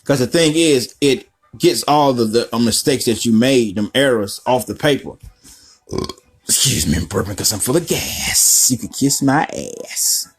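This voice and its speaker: A man's voice: medium pitch, expressive, normal speed, slightly rough. A man hosting a casual coloring tutorial, rambling through profane, joking asides while he works. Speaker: art tutorial host.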